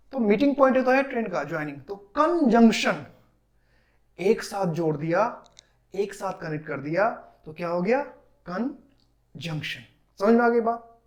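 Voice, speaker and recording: A man teaching English grammar in a classroom lecture. He asks questions, answers them himself and repeats key terms slowly. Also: sits high. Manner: drills terms with repetition.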